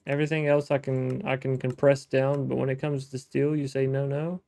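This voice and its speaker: Playing a modded building game, a gaming host muses aloud in a relaxed, chatty way, frequently starting over and fixing what he just said. His voice is mid-range, mellow, and gravelly, with a level tone and moderate pace. It's recorded dry and close to the microphone.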